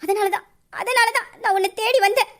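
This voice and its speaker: A woman's voice: very high-pitched, steady tone, a little fast. A woman voicing a remorseful young woman in an audio drama who pleads through tears and confesses a secret plan for revenge. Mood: confessing. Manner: sobbing, pleading, guilt-ridden. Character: tearful young woman hiding a revenge scheme. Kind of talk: emotional audio drama acting.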